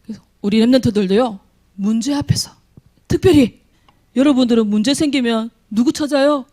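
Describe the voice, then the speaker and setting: High-voiced woman preaching to youth. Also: a little fast, mellow. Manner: quizzes listeners with questions; acts out dramatic prayers. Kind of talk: children's sermon.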